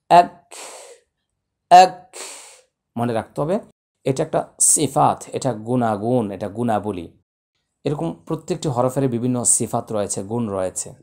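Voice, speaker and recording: A man teaching Quran recitation, spelling out letters slowly and then chanting the words in long, drawn-out tones. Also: mid-range voice, darkish tone. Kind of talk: tajweed lesson.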